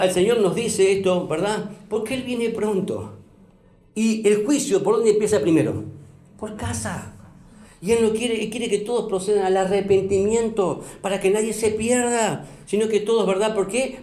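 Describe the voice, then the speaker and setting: A man's voice: high voice, moderate pace, a little mellow. A man preaching a sermon as pastor, emphatic, repeating phrases and asking the congregation questions. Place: church hall. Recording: echoey church room.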